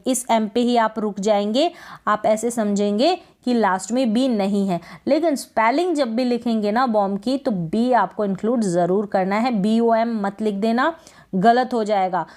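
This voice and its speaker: A woman's voice: on the high side, darkish tone. A woman teaching English pronunciation, explaining patiently, repeating each word and answering her own questions. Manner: patient, repeats words and asks questions then answers them. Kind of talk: explaining lesson.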